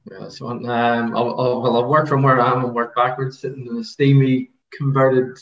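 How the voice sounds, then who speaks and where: A man's voice: mid-range voice, little pitch movement, moderate pace. A middle-aged man with an Irish accent, explaining things casually as an interview guest. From Ireland. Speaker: podcast guest, rugby coaching researcher. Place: converted garage office. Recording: dull, roomy remote recording.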